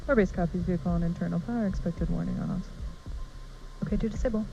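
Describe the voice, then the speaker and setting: A woman's voice: fairly low pitch, a little fast, gravelly, lo-fi sound. A woman reading back launch checks in clipped radio procedure over a headset radio intercom. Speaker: ground base controller on comms loop. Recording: band-limited radio intercom with faint hiss.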